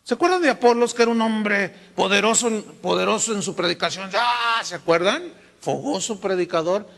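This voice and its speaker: Man, Mexican Spanish accent, pastor, sermon, rhetorical questions, high voice, long hall reverb. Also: a little fast, vocal fry. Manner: lively preaching, rhetorical questions to the congregation.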